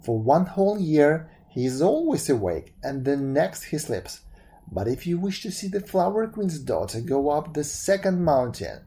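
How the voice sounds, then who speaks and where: A storyteller voicing the oldest of three old men, calmly explaining the way. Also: mid-range voice, moderate pace.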